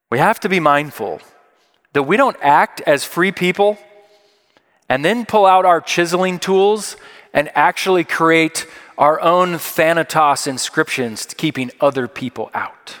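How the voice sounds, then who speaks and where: In a long, reverberant hall, a man with a fairly bright, higher-pitched voice preaches a sermon. His delivery is conversational and emphatic, and he repeats key phrases for weight.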